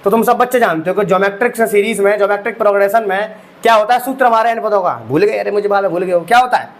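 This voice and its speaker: High-voiced male maths teacher quizzing students. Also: very fast. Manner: talks students through each step with rhetorical questions; addresses students as bhai sahab. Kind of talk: exam-prep lecture.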